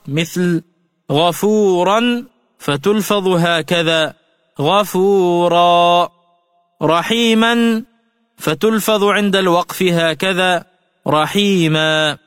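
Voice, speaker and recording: A man giving a radio lesson on Quran recitation rules, with measured explanations and slow chanted example words. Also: high voice, fairly bright tone, no room sound, clean studio sound, big-room sound.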